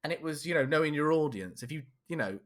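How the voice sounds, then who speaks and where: A man's voice: a little high, lively intonation, fast, a bit bright. A young man co-hosting a casual podcast, chatty and easygoing as he tells stories. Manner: chatty storyteller, polite, easygoing. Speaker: podcast co-host.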